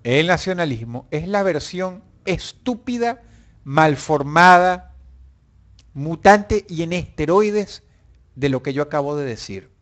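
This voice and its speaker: Guy chatting live w viewers, kinda high voice, swears a lot, yells now and then. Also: slow pace. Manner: animated, profane, bursts into shouts. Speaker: online show host. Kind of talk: casual live chat with viewers.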